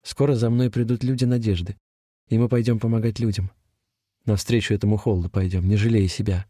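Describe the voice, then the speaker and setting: A man's voice: fairly low pitch, steady tone, brisk, mellow, dry recording, clean studio sound, close to an everyday voice. A man voicing a fervent, feverish young ex-soldier who talks earnestly about a plague and hope.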